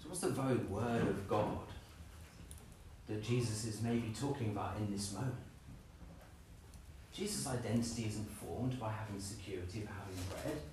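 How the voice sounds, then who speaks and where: A man preaching a lively sermon, acting out scenes with playful voices. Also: lowish voice, normal speed, a little hiss or hum. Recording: echoey room, from a distance.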